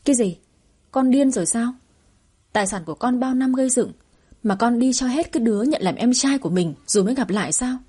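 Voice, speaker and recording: A stubborn middle-aged mother complains and pleads with obstinate self-pity, as a woman narrator plays her. Her voice is warm, mellow and very breathy. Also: on the high side, animated, fairly quick, voice pushed up. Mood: alarmed. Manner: wailing, obstinate.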